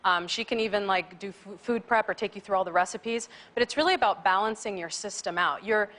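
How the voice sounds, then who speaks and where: A woman's voice: medium pitch, brisk, a bit bright. A woman in her thirties, from Mexico and raised in San Diego, talking earnestly as a guest on a TV studio talk show, with plenty of fillers. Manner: earnest and chatty, many fillers. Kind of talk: casual talk-show chat. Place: television studio set.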